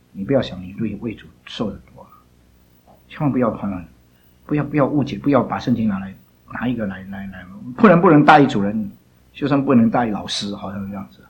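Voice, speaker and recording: A man's voice: on the low side, a little hiss or hum, poor audio. A man teaching a Bible class, scolding students and drilling them with pointed questions.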